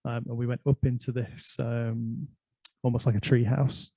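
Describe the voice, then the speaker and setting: A man's voice: mid-range voice, little pitch movement, normal speed, creaky, darkish tone, dry recording. An Irish man hosting a casual conversation, chatty and anecdotal, telling stories from his life. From Ireland. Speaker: host.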